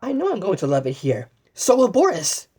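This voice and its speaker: Her mid-range voice swings hugely in pitch, with a darkish, slightly rough tone, as she performs an animated children's storybook read-aloud. She exclaims, addresses asides to the viewer, and keeps stumbling and repeating words. Questions go out to the listener, followed by pauses as if answered.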